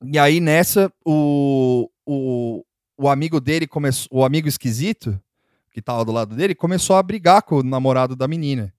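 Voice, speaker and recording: A man's voice: fairly high pitch, fast talker, no room sound, clean studio sound. A man telling a story in a casual chat, rambling with many fillers and frequent laughs.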